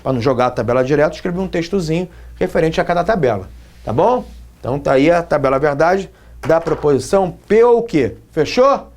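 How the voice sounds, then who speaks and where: At a whiteboard, a Brazilian man teaches logic fairly quickly in a darkish tone, his lively pitch swinging up and down a great deal. He works through the material step by step, often asking students short questions to make sure they're keeping up.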